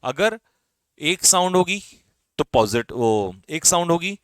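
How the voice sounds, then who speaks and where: A man's voice: fairly high pitch, very animated, a little slow, no room sound, studio quality. A man with an Indian accent teaching an English grammar lesson for exam prep, explaining step by step and asking and answering his own questions. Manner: calls students brother, drops his voice at ends of lists.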